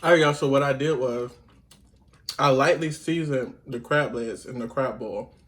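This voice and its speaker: A man's voice: medium pitch, normal speed, fairly bright tone. Chatty man eating on camera. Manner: chatty, addresses viewers as y'all, hums while chewing. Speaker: mukbang vlogger. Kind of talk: casual eating vlog chat.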